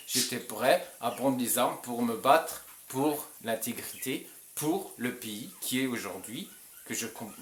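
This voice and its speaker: A man from France addressing his viewers in a blunt, emphatic way, stumbling and restarting often and chuckling between points. His voice sits at an ordinary pitch. The sound is roomy with echo and carries a faint background hiss. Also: a bit bright. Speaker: channel host. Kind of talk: casual direct-to-camera talk.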